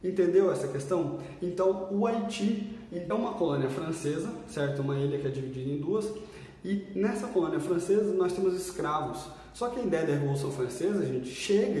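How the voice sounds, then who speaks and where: A Brazilian history teacher with a high, mellow voice gives an exam-prep video lesson, talking casually and chattily and often checking in with his students. The recording sounds echoey, with the mic placed far away.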